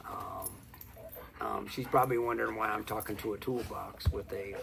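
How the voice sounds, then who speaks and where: Low, gravelly, unhurried middle-aged man. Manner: calm, mellow and unhurried; folksy, plain-spoken. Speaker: video host and teacher. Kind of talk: casual motivational talk to camera. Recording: some background noise.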